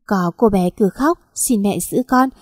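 A woman's voice: mid-range voice, unhurried, no room sound, clean studio sound. A woman narrating a sad story in a plaintive, emotional reading.

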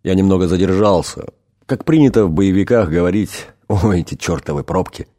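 A man's voice: low-pitched, brisk, mellow, lightly acted. A man putting on a cocky, sarcastic demon. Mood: sarcastic banter. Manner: joking, streetwise banter. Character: sarcastic slangy male demon, cocky yet anxious.

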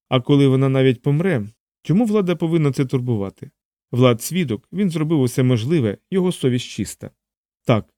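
Guy reading a novel aloud, mid pitch, mellow, dry close mic. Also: no echo. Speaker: audiobook narrator. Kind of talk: scripted narration.

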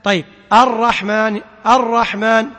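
A man's voice: high voice, level tone, unhurried, sharp tone, in a large hall. A man, a sheikh, giving a classroom lesson: he chants the verses of a poem, then explains them while putting questions to his students. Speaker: sheikh teaching Quran sciences.

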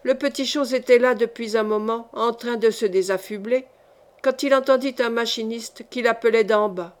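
A woman reads a classic novel aloud as an audiobook, in a measured, careful manner. Her voice is a little high for a woman, and she tells the story clearly and steadily.

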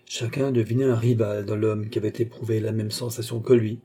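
Homme lecteur de livre audio, voix très sombre, narration posée. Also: male voice, on the low side, flat delivery, brisk, warm tone, husky. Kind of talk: reading a classic novel aloud.

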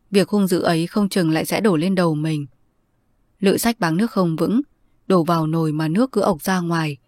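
A woman narrating a novel in a steady, measured storytelling manner. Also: on the low side, no room sound. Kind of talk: audiobook narration.

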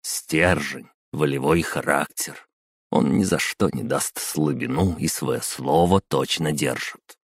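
A man with a deep, gravelly voice narrates an audiobook with expressive storytelling. His pitch swings widely, and the recording is dry and close. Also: slow pace, no echo. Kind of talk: scripted narration.

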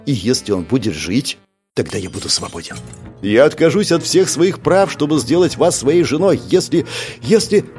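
A man's voice: mid-range voice, expressive, normal speed, a little mellow, faint music behind, lightly acted. A man voicing an earnest, anxious young prince who pleads and confesses. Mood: pleading.

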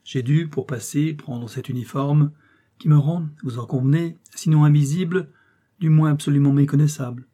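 A shrewd, self-assured detective gives quick orders in a dark, slightly husky voice, as a male reader puts him on. He sounds commanding and brisk, a little raised above the narration. It is an audiobook-style storybook reading. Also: fairly high pitch, steady tone, lightly acted. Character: shrewd confident male police detective in disguise.

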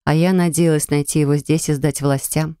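Casting: woman narrator for first-person fiction audiobook, slightly low voice, very little room sound. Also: steady tone, fairly quick, mellow, smooth, no echo.

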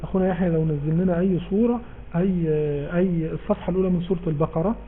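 Egyptian man teaching quick high voice, phone line. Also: fairly even intonation. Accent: Egyptian Arabic. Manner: explains patiently, asks and answers his own questions. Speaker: Quran recitation teacher. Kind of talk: live online class with students. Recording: tinny phone-like line with faint background noise.

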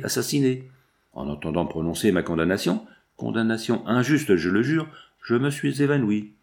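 Give me a distressed woman prisoner coming back to her senses, asking anguished, pleading questions, as a man reading aloud puts her on. The voice stays low and gravelly throughout. It is an audiobook character. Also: a little mellow.

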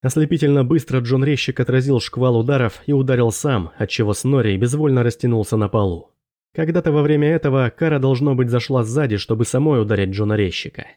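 A man narrating a first-person fantasy audiobook in a measured, steady storytelling manner. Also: mid-range voice.

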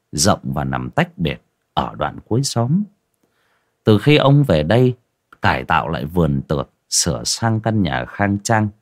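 A man narrating a story in a measured, expressive way. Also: sits low.

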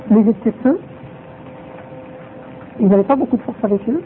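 A religious teacher speaks at normal speed in an extremely high-pitched voice, giving a lesson laced with Arabic phrases. He repeats his points for emphasis. The audio is tinny and phone-like, with faint noise.

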